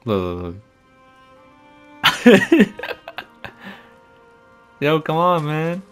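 A young man giving excitable, sweary commentary on his own video game playthrough, often laughing. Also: a little high, drawn-out words. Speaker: let's play host. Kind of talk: casual gameplay commentary. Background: game music.

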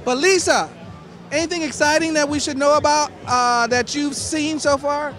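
A man's voice: very high-pitched, fairly even intonation, moderate pace, a bit bright. A middle-aged man hosting red carpet interviews in effusive, gushing chatter at a busy event. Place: crowded indoor fashion event red carpet. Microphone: handheld microphone. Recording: noisy event with music and crowd.

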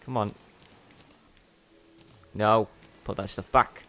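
A man's voice: on the low side, steady tone, slow, a bit bright, soft background music. A young man giving casual gameplay commentary as a let's play host, chatty and rambling, often correcting himself mid-sentence.

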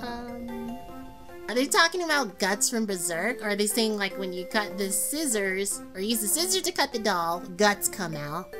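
A woman's voice: medium pitch, expressive, moderate pace, over music. A woman streamer commenting on a horror game and thinking aloud as she plays.

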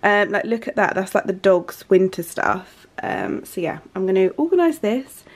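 A lifestyle vlogger in her twenties chats casually to a handheld camera in her living room at home, enthusiastic and full of fillers. Her nose is stuffy from hay fever. She speaks at normal speed in a mid-range, sing-song voice.

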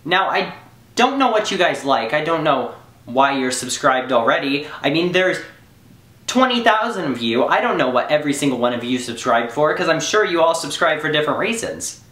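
Animated young man, echoey room. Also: a little high, normal speed. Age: 20s. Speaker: YouTuber. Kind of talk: direct-to-camera vlog monologue with impressions. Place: bedroom. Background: music.

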